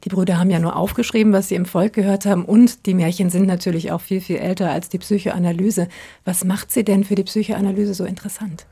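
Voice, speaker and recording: A woman's voice: mid-range voice, fairly even intonation, quick pace, gravelly, warm tone, husky, no room sound, studio quality. A woman presenting and interviewing as a public radio host, in a polished, articulate manner.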